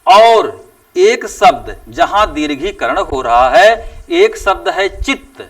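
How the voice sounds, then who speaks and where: A male teacher giving a classroom lecture, speaking slowly and deliberately and drawing out example sounds with emphatic rises. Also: on the high side, big pitch swings, fairly bright tone, recorded from a distance. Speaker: Hindi teacher.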